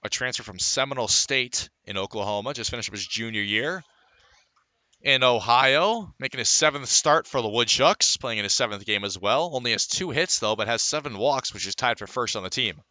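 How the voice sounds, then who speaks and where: A live baseball call for radio comes from a man with a medium-pitched, animated voice, a little fast and sharp in tone, with no room sound. He recites stats fluently and lifts his delivery every time there's a play.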